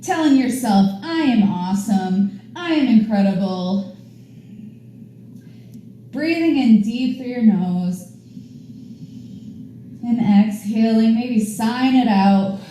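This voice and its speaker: A woman's voice: a little high, lively intonation, takes it slowly, long pauses, dark tone, heavy reverb, a little hiss or hum, low-quality recording. A woman teaching a yoga class, guiding poses with upbeat, chatty encouragement. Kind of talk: guided yoga class instruction. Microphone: camera mic at a distance.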